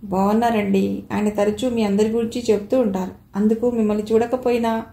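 A woman's voice: mid-range voice, flat delivery, brisk, warm tone, close to an everyday voice. A woman reading the part of a polite, eager young woman, in a recording with a roomy echo. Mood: earnest.

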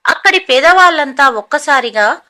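Bright, high-voiced woman storyteller. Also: expressive, normal speed. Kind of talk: scripted narration.

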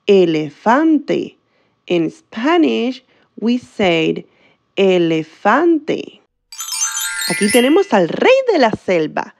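A woman's voice: on the high side, creaky, darkish tone, dull audio. A woman teacher giving a bilingual vocabulary lesson for children, drawing out each word for the class to repeat. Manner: slow, drawn-out words for repetition.

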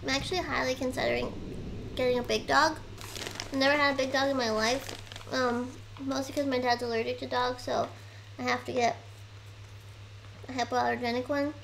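A woman's voice: high voice, flat delivery, normal speed, creaky, long pauses, a bit bright, a little hiss or hum, rough recording. A young woman chatting casually on a livestream, rambling and eating as she talks.

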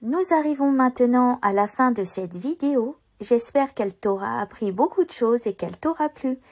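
A woman giving a scripted lesson on reading poetry aloud, explaining in a slow, careful, clearly articulated way. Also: on the high side, animated, darkish tone. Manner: slows further to recite verses for repetition. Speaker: teacher.

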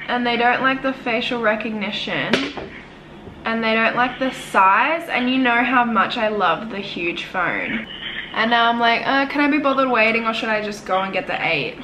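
A woman's voice: fairly high pitch, normal speed, noisy background. A young Australian woman chatting casually in a vlog, swearing freely and giggling. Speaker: vlogger.

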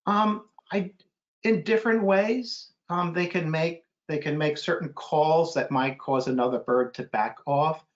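A middle-aged American man, appearing as a guest author, chats casually while answering questions on a video call from an indoor room. His voice is a little high, with fairly even intonation and a measured pace. The computer-call audio sounds dull and lo-fi.

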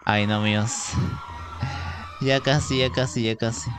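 A man's voice: mid-range voice, fairly even intonation, measured pace. A man hosting a live gaming stream, exclaiming, groaning and laughing as he plays. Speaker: gaming livestream host. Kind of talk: live Roblox gameplay commentary. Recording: loud game music behind voice.

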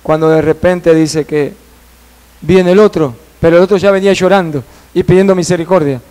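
A male missionary preacher delivers a sermon as a vivid story. His voice sits high for a man. He jumps in and out of the characters as he tells it. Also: moderate pace. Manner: animated, reenacting dialogue.

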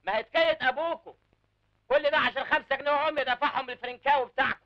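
An actor with an Egyptian Arabic accent playing an indignant, proud man who scolds loudly in an old film comedy. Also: very high-pitched, fairly even intonation. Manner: loud, rapid, indignant scolding. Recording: dull old film soundtrack with music.

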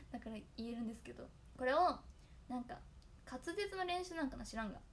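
A woman's voice: high-pitched, animated, a little fast, a little hiss or hum. A young woman chatting casually to fans, reciting tongue twisters and giggling often. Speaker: idol trainee talking to fans. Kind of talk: casual solo stream chat.

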